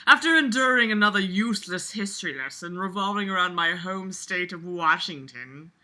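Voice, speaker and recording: Her voice sits on the low side yet comes out pushed and bright, at a normal speed. Reading casually for her regular audience, this amateur commentator mocks the material with exasperated sarcasm and foul language.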